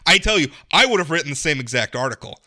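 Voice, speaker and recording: Bright, animated male political commentator. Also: a little high, quick pace. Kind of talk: casual political discussion.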